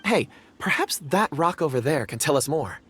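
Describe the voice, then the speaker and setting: A man voicing a gentle, curious, polite travelling companion in a video game, mild and expressive. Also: fairly high pitch, moderate pace, heavy background noise.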